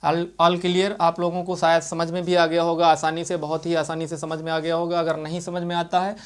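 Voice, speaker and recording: A man's voice: a little high, completely flat delivery, moderate pace, clear, resonant tone. A man teaching English pronunciation in an explanatory lesson. He spells words out letter by letter, asks himself rhetorical questions and keeps checking in with the class. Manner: keeps repeating "theek hai" to check in.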